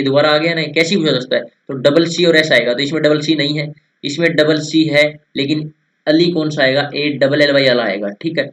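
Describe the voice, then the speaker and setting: A young male teacher drills spellings for an exam-prep class, repeating words again and again and throwing rhetorical questions at his students. His voice sits at an ordinary middle pitch with a fairly bright tone, and the recording quality is low.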